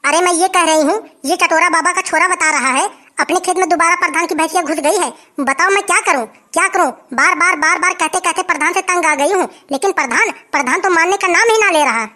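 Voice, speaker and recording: Performer playing old village woman, wailing, very high and bright. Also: fairly quick, few pauses. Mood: complaining. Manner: wailing, complaining.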